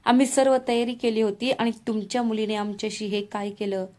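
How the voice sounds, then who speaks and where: A woman's voice: medium pitch, fairly even intonation, a little fast, dark tone, natural voice. A woman voicing a proud middle-aged merchant who speaks sternly and harshly in a storybook reading. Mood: angry.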